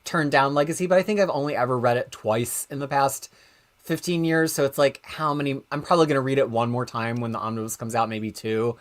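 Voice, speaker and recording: Male co-host, mid-pitched, casual and conversational, meandering self-interrupting delivery. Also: steady tone, a little fast. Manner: rambling, self-interrupting, thinking aloud. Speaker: show co-host. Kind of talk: casual chat.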